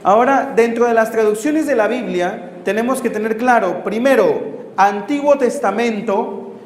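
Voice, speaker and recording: A man, a missionary priest, teaches a Bible course to a class. He asks rhetorical questions, corrects himself and pauses to write on the board. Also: sits high. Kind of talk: classroom lecture with questions to students. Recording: roomy hall reverb, faint background noise.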